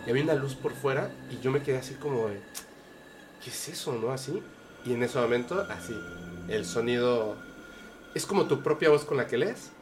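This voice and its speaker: A man's voice: mid-range voice, lively intonation, fairly quick, noisy background. A man with a Mexican Spanish accent telling a personal story on a podcast, earnest and hesitant with many fillers and restarts. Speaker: podcast guest. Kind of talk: casual storytelling.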